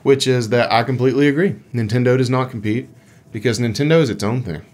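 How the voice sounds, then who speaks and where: A man co-hosts a gaming podcast, speaking fast in a medium-pitched, darkish voice. His casual chat is playful, rambling and explanatory.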